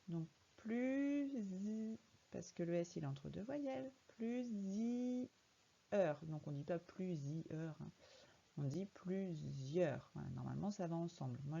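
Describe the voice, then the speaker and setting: A woman's voice: on the low side, vocal fry, warm tone, breathy edge, lo-fi sound. A woman teaching a young child to read in a recorded lesson, patiently spelling words out letter by letter. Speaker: primary school teacher.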